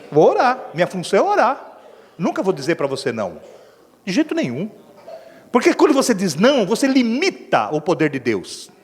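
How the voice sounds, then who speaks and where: A man with a Brazilian accent preaching a sermon as pastor, telling a story in an animated way and acting out what people said. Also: high-pitched. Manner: animated storytelling preacher, acts out quoted speech. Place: church hall. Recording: echoey church hall with long reverb.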